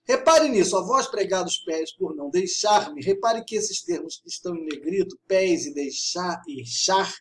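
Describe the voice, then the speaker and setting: Male literature teacher, fairly high voice, patient and emphatic video-lesson delivery. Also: lively intonation. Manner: patient, emphatic, reads verse lines aloud slowly. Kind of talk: video lesson explaining a poem.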